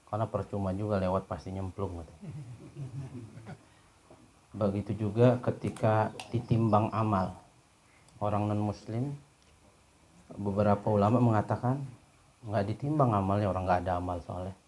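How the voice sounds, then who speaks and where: A man giving a neighborhood religious lecture, telling a story with animated, rising peaks and often addressing the listeners as "Pak". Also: fairly low pitch, moderate pace, long pauses. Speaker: ustadz. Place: community gathering room.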